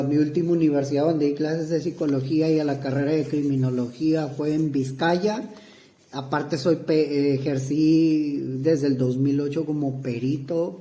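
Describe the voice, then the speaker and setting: Un hombre mexicano de unos cuarenta años, psicoterapeuta, que responde una entrevista con titubeos, muletillas y frases que vuelve a empezar. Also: male voice, on the high side, mellow. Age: 40s. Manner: halting, many fillers and restarts. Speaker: psychotherapist interviewee. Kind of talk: hesitant interview answers. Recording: roomy echo.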